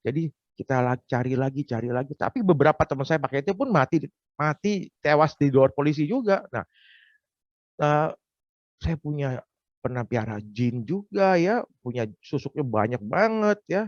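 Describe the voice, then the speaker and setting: Man, fairly high voice, frank confessional testimony; dull, dry recording. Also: expressive, moderate pace, dry recording. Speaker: testimony speaker. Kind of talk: personal testimony.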